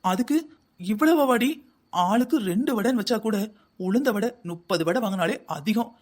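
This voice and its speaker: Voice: mid-range voice, quick pace, natural voice. A performer voicing a grumbling older husband in a family cartoon, nagging his wife in a South Tamil Nadu accent. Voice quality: scolding, nagging. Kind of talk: cartoon family comedy acting.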